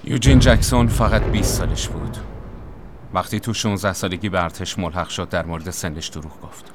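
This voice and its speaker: A man's voice: deep voice, heavy background noise. A man giving somber, reflective scripted narration about a fallen soldier. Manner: grave, reflective.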